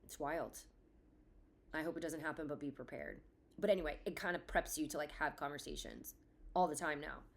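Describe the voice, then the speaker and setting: Frank woman podcaster, slightly low voice. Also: fairly even intonation, fairly quick, creaky. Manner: frank, blunt, swears casually. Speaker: podcast host. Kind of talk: candid personal storytelling.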